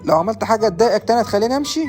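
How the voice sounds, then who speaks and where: A woman's voice: medium pitch, animated, darkish tone, soft background music, close to an everyday voice. A woman with an Egyptian accent playing a fed-up adult man who is stuck minding a boy, pleading and exasperated in a comedy sketch. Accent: Egyptian Arabic. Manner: exasperated, pleading, rapid-fire.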